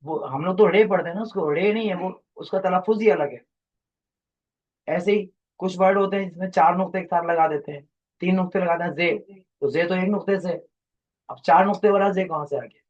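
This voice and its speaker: A man lectures a class, his voice sitting a little high. He explains at length, drifts from point to point and fires questions at his students. The classroom recording sounds muffled and lo-fi. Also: a little fast. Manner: rambling, explanatory, quizzes students. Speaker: teacher.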